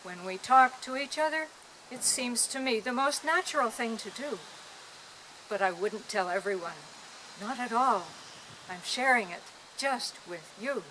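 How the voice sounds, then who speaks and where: A woman poet reciting her poems to a small audience in an outdoor park, with a gentle, lilting delivery. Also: fairly high pitch, animated, unhurried, a little hiss or hum, low-quality recording.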